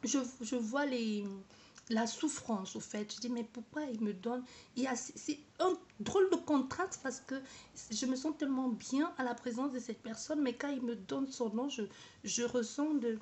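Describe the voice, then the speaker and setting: A woman with a fairly high voice tells her own story straight to the camera. She hesitates, restarts her sentences and repeats words while she searches for how to say things. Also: normal speed, a little mellow. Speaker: vlogger. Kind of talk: personal testimony to camera.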